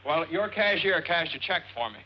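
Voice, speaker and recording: An actor playing a polite, easygoing young nephew in a 1940s film, with a mild, drawling delivery. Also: male voice, fairly high pitch, lively intonation, moderate pace. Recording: muffled old film soundtrack.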